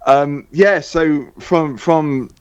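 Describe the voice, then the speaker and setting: A man's voice: fairly high pitch, clean tone, no room sound. Give me a man on a stuttering, buffering video call. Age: 30s. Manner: hesitant, halting with restarts. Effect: choppy buffering video-call audio that stutters and drags. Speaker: illusionist guest. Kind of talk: casual remote interview. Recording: dull lo-fi video-call audio.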